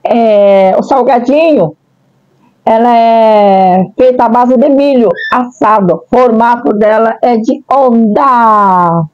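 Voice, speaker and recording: A woman's voice: fairly high pitch, slow pace. A Brazilian woman vlogger in middle age doing an upbeat snack review to camera, exclamatory and sprinkling in Japanese greetings, on a lapel mic. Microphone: clip-on lapel mic. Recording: muffled audio with clear background noise.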